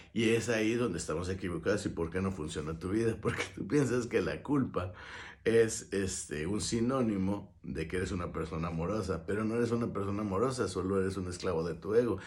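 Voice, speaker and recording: A man lectures in a low, conversational voice. He preaches at the listener and slips into the voices of the people he quotes as he makes his points. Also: darkish tone. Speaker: motivational speaker. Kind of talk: conversational monologue.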